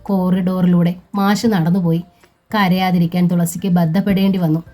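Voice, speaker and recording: Woman, audiobook narrator, mellow warm tone, faint music underneath. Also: lowish voice, flat delivery, moderate pace. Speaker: narrator of a serialized novel.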